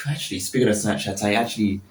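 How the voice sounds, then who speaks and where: A man's voice: lowish voice, fast talker. A man in his early twenties rambling casually and unscripted as a podcast host, often interrupting himself, recorded in an echoing bathroom. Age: early 20s. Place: small indoor bathroom. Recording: echoing bathroom, some background noise.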